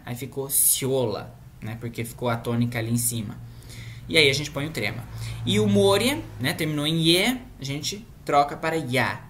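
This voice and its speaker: A woman's voice: deep voice, a bit bright. A woman with a Brazilian Portuguese accent teaching a language lesson in a casual, chatty way, checking in with her students often.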